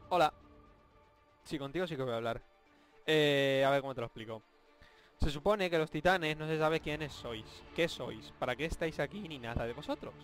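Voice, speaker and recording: A young man with a Spanish accent talks through a Minecraft session in a slightly high voice, joking along and breaking into sudden yelps and shouts. Game music plays clearly behind him the whole time. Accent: Spanish (Spain). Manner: jokey, excitable, yelps and shouts at surprises. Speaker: gaming YouTuber. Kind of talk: Minecraft let's play commentary.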